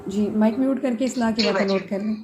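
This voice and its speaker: Mellow-voiced woman teaching Quran recitation. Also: medium pitch, a little hiss or hum. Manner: explains mistakes then models words in slow, drawn-out recitation; patient, corrective, checks with "okay?". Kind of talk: online class correcting students' recitation.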